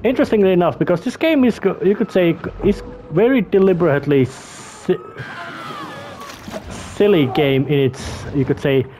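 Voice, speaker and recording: Higher-voiced man rambling through casual game commentary. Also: moderate pace, mellow, a little hiss or hum. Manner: rambling, hesitant, searching for words. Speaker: gameplay commentator. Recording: faint game music behind. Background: faint music.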